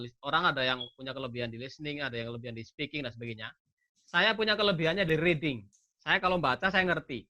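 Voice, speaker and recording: Man, high voice, bright tone, earnest, explanatory, casual advice talk. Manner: earnest, explanatory, uses rhetorical questions. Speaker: scholarship awardee guest.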